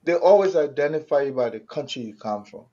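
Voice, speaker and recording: A man's voice: medium pitch, animated, a little fast, warm tone, a little hiss or hum. A man with a Liberian accent explaining things conversationally in a talk show discussion, often repeating his phrases. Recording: dull lo-fi audio.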